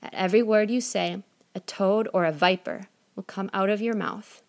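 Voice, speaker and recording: A woman doing a calm, stern fairy. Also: mid-range voice, natural voice. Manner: calm and measured.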